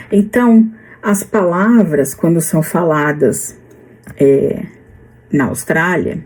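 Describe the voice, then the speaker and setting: A Brazilian woman in her fifties with a Brazilian Portuguese accent, talking slowly and hesitantly in a casual vlog, with many restarts. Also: lowish voice, mellow, low-quality recording. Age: 50s. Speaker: vlogger.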